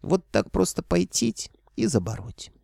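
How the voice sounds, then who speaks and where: Brief: cranky old granddad read by a man, high reedy pitch, gravelly. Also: sing-song, measured pace, mellow, no room sound, clean studio sound, heavily acted. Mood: fussing. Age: older. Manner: grumbling, folksy.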